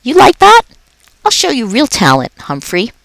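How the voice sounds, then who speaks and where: A jolly night janitor chats and jokes in a bright, lively way, as a woman reading a storybook puts him on. He is friendly and playful, with a bouncy, animated delivery. The sound is dry and close. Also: fairly high pitch, moderate pace, vocal fry, no echo, voice pushed up, heavily acted. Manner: cheerful, joking.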